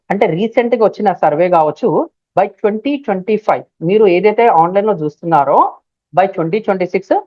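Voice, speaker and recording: Woman trainer, Telugu accent, live online class; loud and emphatic, repeats and spells out terms; muffled, dead-dry audio. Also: low voice, no echo. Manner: spells words out letter by letter. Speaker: digital marketing trainer. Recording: dull, dry lo-fi stream audio.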